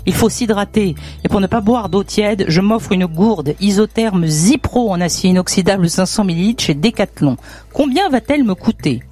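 A woman hosting a radio call-in game show, with a bouncy, lively voice that swings up and down. She talks in a chatty, teasing way, joking as she reads out the questions. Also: mid-range voice, normal speed, slightly rough.

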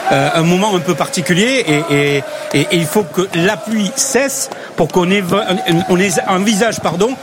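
Halting male sports radio commentator. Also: high voice, background noise. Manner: halting, heavy with fillers.

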